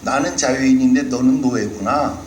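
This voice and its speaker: A man's voice: medium pitch, moderate pace, a little mellow, natural voice. A man preaching and voicing a boastful giant warrior who mocks his enemies as fools and slaves. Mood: mocking. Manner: jeering, mocking, calling the listeners fools and slaves. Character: taunting giant male warrior, scornful and boastful. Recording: roomy hall with faint room noise.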